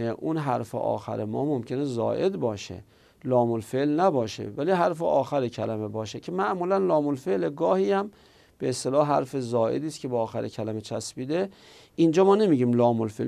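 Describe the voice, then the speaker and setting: A man with a gravelly, creaky voice teaches grammar in an explanatory lesson. He moves through each point step by step. He poses questions and answers them himself, the way a patient teacher does. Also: mid-range voice, dark tone. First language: Persian.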